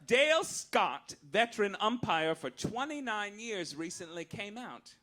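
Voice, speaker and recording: In a high-pitched, sing-song voice that is pushed and bright, a man delivers mock-official announcements a little slowly. He is a comedian hosting a live cabaret show, and the satirical stand-up monologue is read to the audience with campy, arch theatricality.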